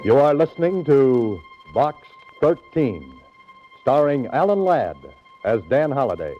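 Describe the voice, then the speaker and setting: A man's voice: medium pitch, very animated, a little slow. A man announcing a 1940s radio show in a formal period style. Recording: dull 1940s radio recording. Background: loud music.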